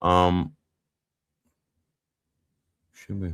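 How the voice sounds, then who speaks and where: A man's voice: low voice, level tone, extremely slow, fairly bright tone, smooth, dry recording. A young man doing a live match watch-along, swearing freely and bantering with his chat between bits of play commentary.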